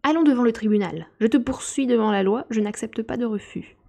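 Storybook cur, sly and bossy, firm and mellow, read by a woman. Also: a little high, brisk, gravelly. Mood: domineering. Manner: pompous and domineering.

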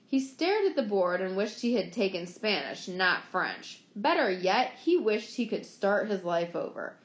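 Woman reading a short story, steady storytelling, animated pitch, echoey room. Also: unhurried. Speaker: story reader. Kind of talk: scripted narration of a short story. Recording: roomy echo.

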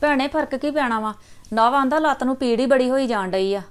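An actress playing a middle-aged mother, defensive and quick to scold. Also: high voice, smooth, close to an everyday voice.

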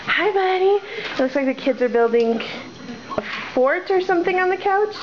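A woman's voice: very high voice, animated, moderate pace. A woman in her twenties chatting casually as she walks a handheld camera through her home, rambling and poking fun at her own clutter. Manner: chatty, self-deprecating, rambling asides. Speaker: vlogger. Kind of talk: casual house tour vlog. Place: home, walking through rooms. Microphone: handheld camera mic. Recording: dull lo-fi camera audio with household noise.

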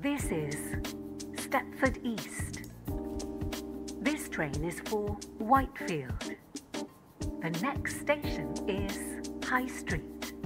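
A woman's voice giving in-game train announcements, reading the stops and safety reminders in a measured, formal way. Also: medium pitch, very animated, loud music behind the voice. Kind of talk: scripted station announcements.

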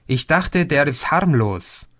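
A man's voice: fairly high pitch, animated, takes it slowly, fairly bright tone, dry recording, clean studio sound, pitched above the performer's own voice. A man reading an audiobook voicing a protective young man who pants and speaks bluntly. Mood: panting. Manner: panting, blunt.

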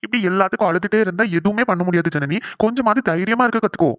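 In cartoon voice acting, a performer plays a worried young man soothing and coaxing his tearful sweetheart. The mid-range, natural voice comes rapid-fire and coaxing, with a dry, tinny, phone-like sound and no room sound.

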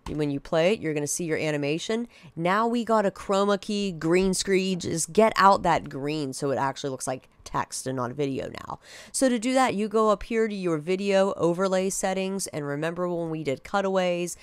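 A woman teacher talking students through a software task in a casual, direct classroom manner. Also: on the low side, animated, normal speed, clear, resonant tone, no echo. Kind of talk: screen-recorded software tutorial.

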